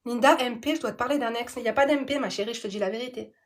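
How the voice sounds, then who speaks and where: Woman vlogger, high voice, sassy and fed up, live storytime rant. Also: racing. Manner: animated, sassy street slang. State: annoyed.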